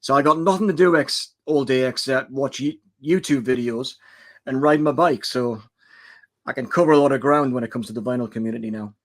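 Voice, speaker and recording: A man's voice: mid-range voice, fairly quick. A retired man in his sixties, chatting casually on a livestream about his vinyl channel, rambling with many fillers. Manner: rambling, filler-heavy storyteller. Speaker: YouTube vinyl channel host, guest.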